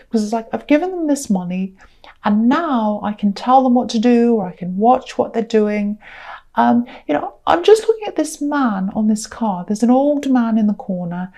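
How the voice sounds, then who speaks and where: A woman giving a casual tarot reading to camera, unhurried and repetitive with many ums, tired and speaking through a sore throat. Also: mid-range voice, warm tone. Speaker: tarot reader.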